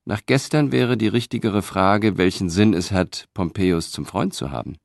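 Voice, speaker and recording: Man voicing a sharp Roman wife. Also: fairly low pitch, normal speed, creaky, no room sound, clean studio sound, voice pushed up. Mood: pointed.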